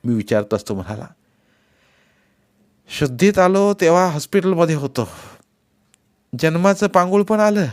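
Man, audiobook narration, somewhat high-pitched, dramatic reading, voices characters. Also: expressive, normal speed, pauses often. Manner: voices characters with rising pitch and force in dialogue.

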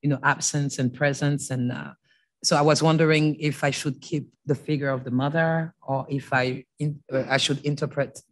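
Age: adult. Sex: woman. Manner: halting panel talk. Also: low voice, steady tone. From France. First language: French. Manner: halting, many fillers and restarts. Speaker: panelist and author. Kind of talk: panel discussion before an audience. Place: lecture hall with audience.

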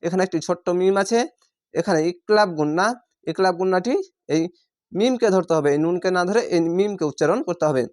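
Quran teacher, clear resonant voice, slow drawn-out recitation then plain patient explaining. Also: medium pitch, darkish tone. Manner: patient, repeats each word slowly then explains rules; chants Arabic words in drawn-out recitation tone. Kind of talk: word-by-word recitation lesson.

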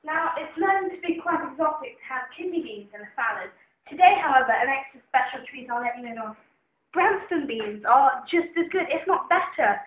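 A young woman with a high, slightly bright voice presents a pretend cooking show from her home kitchen. The room echoes, and there's faint noise in the background.

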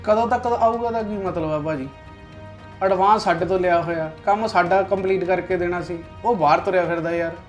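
A man's voice: high voice, soft background music, natural voice. An actor playing an aggrieved businessman demanding his advance back, speaking insistently with a Punjabi accent. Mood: pleading. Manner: insistent, quick to anger. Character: aggrieved male businessman, hot-tempered creditor. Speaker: client owed an order. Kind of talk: web drama acting.

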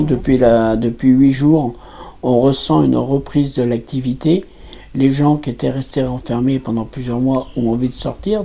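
A man in his sixties from France, a campsite manager giving an interview in a small office, speaking haltingly with many restarts and fillers. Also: medium pitch, gravelly, mellow, husky.

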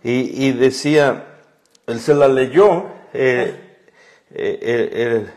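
A man who is a pastor co-hosting a faith-based talk show, reading verses slowly and telling folksy family anecdotes, often stopping to correct himself. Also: mid-range voice, a little mellow. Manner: rambling storyteller, self-correcting. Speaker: pastor, radio co-host.

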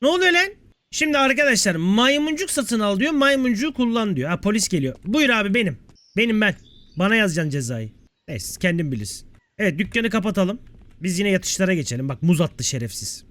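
An excitable man talks through a management game in loose let's-play commentary. His voice sits high and leaps around in pitch, and he banters and curses at what happens on screen. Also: a little fast, no room sound. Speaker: gameplay video creator.

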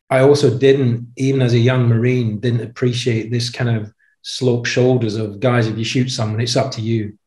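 In a casual storytelling chat, a podcast guest in his 50s who used to be a commando recounts animated anecdotes, frequently dropping "you know." His voice is mid-pitched, captured by a video call webcam in a brick-walled indoor room that adds a roomy echo.

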